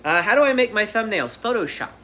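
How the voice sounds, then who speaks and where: This livestream host, a Southern Californian in his thirties, speaks high with big pitch swings, a quick pace and a sharp tone. Answering questions live, he rambles casually, restarting and using fillers, over slight background noise.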